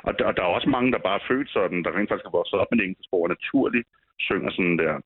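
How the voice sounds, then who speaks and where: A man's voice: sits low, no room sound, phone-quality sound. A man co-hosting a casual podcast chat, blunt and opinionated, swearing casually. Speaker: podcast co-host. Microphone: remote call line.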